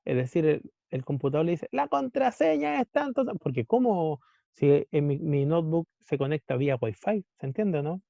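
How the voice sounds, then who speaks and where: A man gives a classroom lecture in a somewhat high yet mellow voice, often checking in with his students and acting out little dialogues to explain things. The sound is dry and a little dull and lo-fi. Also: moderate pace, no echo. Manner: checks in with "¿cierto?", acts out device dialogues. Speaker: teacher. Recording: dull, muffled lo-fi recording.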